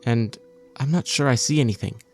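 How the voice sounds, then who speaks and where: A man's voice: mid-range voice, normal speed, a little mellow, faint music behind, natural voice. A man voicing a polite, apologetic crewmate on a ship.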